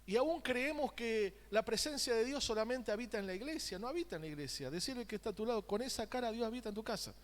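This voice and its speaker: A pastor preaches from the pulpit in a long, echoing church hall. His voice sits high for a man, and he keeps the congregation involved with call-and-response questions and wry asides. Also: expressive, quick pace, hardly any pauses. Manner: joking, conversational asides. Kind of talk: sermon. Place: church sanctuary.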